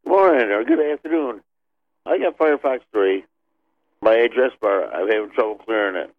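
A man calling in to a radio show over the phone with a tech question. He talks in a hesitant, halting way and fills his pauses. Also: fairly low pitch, lively intonation, dry recording. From Penfield, New York. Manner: hesitant, halting, many filler sounds. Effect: caller heard over a phone line. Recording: dull lo-fi phone line, dry.

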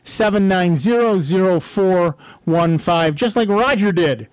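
A man's voice: high voice, measured pace, clean tone, no room sound, rough recording. A man with an American accent hosting a radio call-in show in a casual announcing style. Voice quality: throat trouble. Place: radio studio.

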